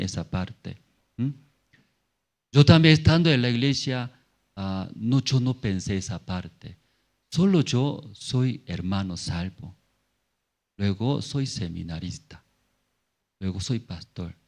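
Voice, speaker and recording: Male pastor preaching slowly, halting phrasing, many tag questions, jumps from loud highs to quiet lows. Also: creaky. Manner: swings between emphatic high bursts and low murmurs. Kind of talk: sermon. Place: church.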